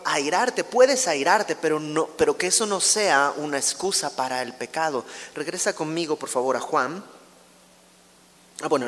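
A man preaching a Bible study, talking conversationally and asking his audience questions. His voice sits a little higher than most men's, and the church hall gives it a long, ringing reverb. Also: a bit bright. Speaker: Bible teacher. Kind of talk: verse-by-verse Bible study sermon.

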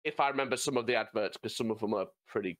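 A man's voice: fairly low pitch, rapid-fire, a bit bright, dry recording. A British man hosting a reaction video, chatting casually and explaining things to his viewers. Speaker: reaction channel host. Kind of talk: casual chat.

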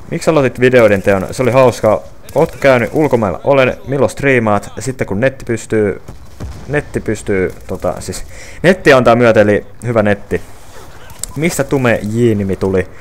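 Young man, casual fan Q&A, hesitant, lots of fillers, reads from phone. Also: medium pitch. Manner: hesitant, many fillers and restarts. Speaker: gaming channel creator answering viewer questions. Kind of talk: casual Q&A reading questions aloud. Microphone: reading from a phone.

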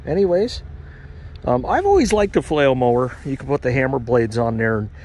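Camera in hand, a man who vlogs about farm equipment ambles around a snowy auction lot outdoors, offering relaxed, rambling commentary sprinkled with fillers. His voice is mid-range and his pace moderate.

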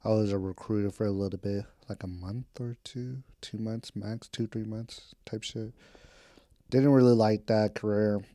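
A mellow, low-leaning voice at normal speed and steady tone belongs to a vlogger in his twenties doing a casual catch-up podcast from home. He rambles candidly across topics, peppering in slang and a swear here and there. The recording is dry and studio quality.

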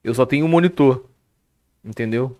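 The clip features a young man with a Brazilian Portuguese accent whose medium-pitched voice has a darkish tone and normal speed. On a live stream, he tells a story as a casual, swear-filled rant, talking animatedly into a headset, captured in a dry, studio-quality recording.

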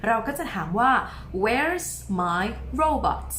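A woman teaching young children, modelling words slowly for them to repeat and coaxing them along in a sing-song way. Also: a little high, very animated, fairly bright tone, roomy sound, slight background noise. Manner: slow, drawn-out modelling of words for repetition. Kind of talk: bilingual children's lesson.

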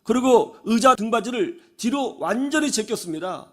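A male pastor giving a radio sermon, telling stories in an animated way and acting out the people he quotes. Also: very high voice, normal speed. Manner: animated storytelling, acts out quoted voices. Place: radio studio.

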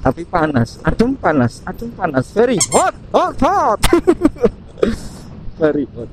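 A man's voice: high-pitched, wildly swooping pitch, slow pace. A man with a Central Javanese accent chatting casually and joking to himself as he rides a motorbike and vlogs. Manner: joking, chatty, talks to himself, laughs often. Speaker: motovlogger. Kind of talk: casual riding vlog chat. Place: riding a motorbike on country roads. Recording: loud wind and engine noise.

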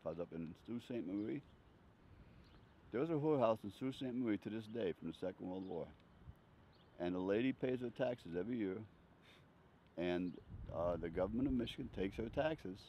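A man's voice: fairly low pitch, dark tone. An older man telling rambling, chuckling stories from his life, interviewed outdoors on a handheld mic. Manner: chuckling, rambling anecdotes with frequent laughs. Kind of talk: casual life-story storytelling. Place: outdoors on a bench. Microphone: handheld furry-windscreen mic held near chest. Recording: slightly dull sound, faint outdoor noise.

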